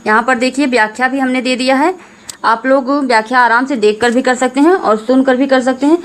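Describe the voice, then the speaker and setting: A woman teacher explaining Hindi verse to students, reading each line slowly and then explaining it in plain words. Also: high-pitched, fairly even intonation.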